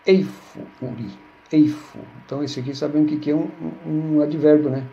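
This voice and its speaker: Gravelly dark-voiced guy going over hebrew grammar, patient, repeats stuff, kinda muffled recording. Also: fairly high pitch, level tone, quick pace. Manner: patient, repeats words and asks "né?". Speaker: Hebrew teacher. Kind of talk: explaining grammar lesson. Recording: dull lo-fi recording.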